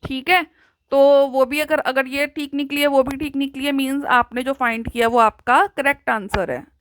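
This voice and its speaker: A woman teaching a math lesson, slowly dictating each step of the working in a deliberate manner. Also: high-pitched, fairly even intonation, fairly bright tone, poor audio.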